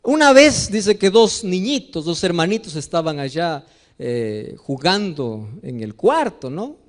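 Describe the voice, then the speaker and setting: High-voiced, animated male pastor preaching. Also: a little slow. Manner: preaches to a congregation, asks them questions; acts out quoted voices in a raised pitch. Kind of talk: sermon.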